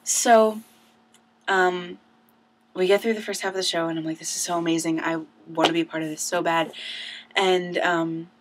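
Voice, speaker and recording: Young woman, bubbly storyteller for a casual home vlog; low-ish voice, fills with "like" and "um.". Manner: bubbly, gushing, says "like" a lot. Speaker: vlogger. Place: at home, indoors.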